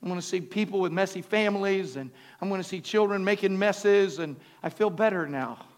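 A man preaching a sermon in a booming, exhortatory motivational manner, insistently repeating phrases and calling on listeners to respond. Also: brisk. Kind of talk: sermon with altar call and prayer. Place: live service before a congregation. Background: music playing.

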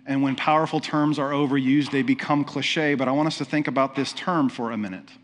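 A man's voice: mid-range voice, fairly even intonation, a little fast. A man preaching a sermon in a conversational way, asking the listeners questions and often restarting his sentences. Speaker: pastor.

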